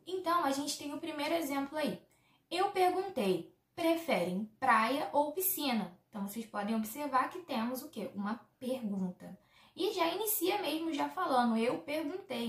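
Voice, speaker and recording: A woman's voice: high-pitched, fairly bright tone. A woman teacher giving a patient, explanatory online lesson and reading her examples aloud with emphasis. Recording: roomy echo, faint music.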